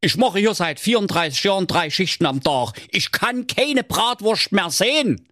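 A fed-up sausage vendor who has worked far too long, voiced by a man in a raised pitch. He grumbles wearily. The recording is dry and close. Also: very animated, moderate pace, pushed and bright, no echo, heavily acted. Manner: grumbling, weary.

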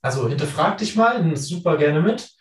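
Speaking a little high, expressively and fairly quickly, this man hosts a podcast, coaching listeners and wrapping up in a casual style packed with fillers. The mic is far off, giving roomy audio with slight background noise.

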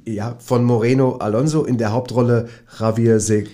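A gushing quick-talking film-tip presenter, played by a man. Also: mid-range voice, steady tone, warm tone, natural voice. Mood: eager. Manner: constant eager interjections and exclamations. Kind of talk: comedy sketch film review.

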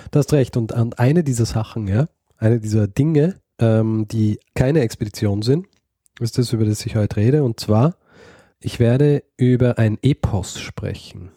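A man's voice: medium pitch, measured pace, dark tone, no room sound, clean studio sound. A man co-hosting a history podcast, telling a story in a casual, hesitant way with frequent fillers and easy laughter. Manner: hesitant, many fillers and restarts, laughs easily. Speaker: podcast co-host.

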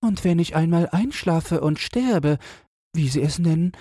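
A man's voice: on the high side, animated, a little slow, mellow, no room sound, studio quality, voice pushed up. A man voicing a dreamy, cheerful cabbage caterpillar in a storybook reading.

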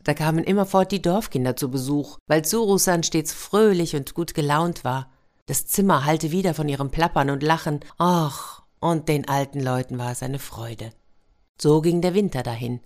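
A woman reads a fairy tale aloud in a lively, expressive storytelling manner. Her voice sits low. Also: moderate pace. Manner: warm, lively storytelling with sound effects.

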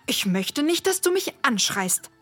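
A woman's voice: sits high, sing-song, unhurried, a bit bright, soft background music, full character voice. A woman voicing a caring, curious heroine who reassures and thinks aloud in a children's audio drama.

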